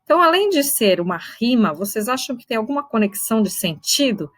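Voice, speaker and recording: A woman teacher giving an online literature lesson, patiently explaining and slowly sounding out syllables. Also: on the high side, big pitch swings, a bit bright, dry recording, rough recording. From Brazil. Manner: patient, explains step by step, checks in with students.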